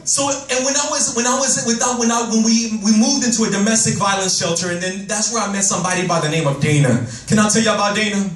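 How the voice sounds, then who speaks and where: A man giving an emotional, animated motivational talk to young people, telling his life story into a handheld microphone and often repeating himself when stirred up. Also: sits high, quick pace, few pauses. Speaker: motivational speaker. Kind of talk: personal storytelling speech to youth. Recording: roomy, distant microphone sound.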